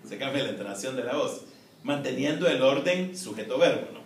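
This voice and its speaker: A man as a professor giving a recorded class lecture, explaining in a measured way with frequent "eh" and "¿no?" tags. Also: medium pitch, animated. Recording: echoey room, distant mic, faint noise.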